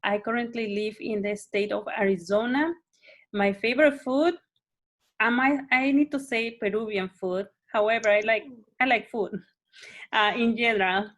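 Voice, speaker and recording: A woman's voice: a little high, steady tone, moderate pace, fairly bright tone. Peruvian-born woman, hesitant panelist. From Peru. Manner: hesitant, searching for words. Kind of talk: panel discussion on a video call.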